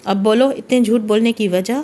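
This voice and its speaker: A woman's voice: mid-range voice, fairly even intonation, lightly acted. A woman reading the part of a stern, jealous young husband in an audiobook, commanding and harsh. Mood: angry. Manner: commanding and harsh, then softening.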